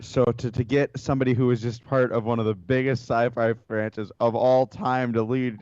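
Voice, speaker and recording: A man's voice: mid-range voice, flat delivery, moderate pace, a little mellow, dry recording. A man co-hosting a podcast in casual panel chat, making teasing, sarcastic asides. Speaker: podcast co-host. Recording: dry, dull podcast mic.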